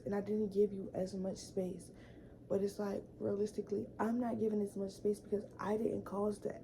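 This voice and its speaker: A woman's voice: medium pitch, gravelly, background noise. A young woman telling a casual storytime vlog story, chatty, full of fillers and repeated words. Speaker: vlogger.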